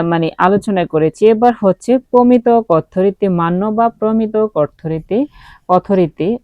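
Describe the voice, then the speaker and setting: A woman's voice: medium pitch, no echo, dull audio. A woman from Comilla, Bangladesh, teaching a grammar lesson. She often asks a question and then answers it herself, with many fillers along the way.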